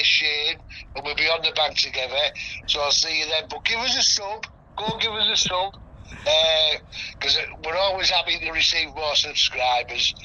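Older man, bright, a bit dull sound. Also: a little high, slight background noise. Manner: friendly, plain-spoken. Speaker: guest vlogger. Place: riverbank outdoors.

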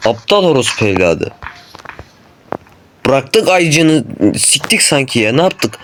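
Male gamer, foul-mouthed running commentary, very animated pitch, noisy recording. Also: takes it slowly. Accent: Turkish. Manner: constant swearing at the game, panicky yelling when chased. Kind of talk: horror game let's play commentary. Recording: noisy home mic recording.

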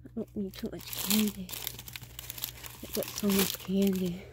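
A woman's voice: medium pitch, little pitch movement, measured pace. A woman vlogging casually as she walks through a discount store, rambling and repeating herself. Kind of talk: casual shopping chat. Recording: loud store noise behind.

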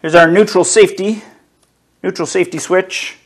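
A middle-aged man slowly unboxing and inspecting car parts in his home garage, talking casually to a camera a few feet away. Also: sits high, fairly even intonation, breathy edge. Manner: slow, easygoing, talks while handling parts. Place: home garage workshop, indoors.

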